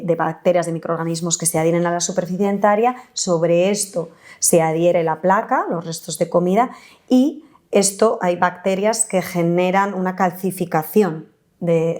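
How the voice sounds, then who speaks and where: Lowish-voiced woman dentist explaining. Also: darkish tone. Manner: explanatory, many fillers and tag questions. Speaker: holistic dentist, guest. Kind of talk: conversational interview explanation.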